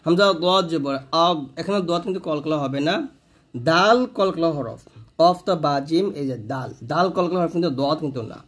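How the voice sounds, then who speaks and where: A man teaches a step-by-step Quran reading lesson. His voice sits a little high for a man, and he draws out each letter sound slowly before hurrying through the explanations. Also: husky.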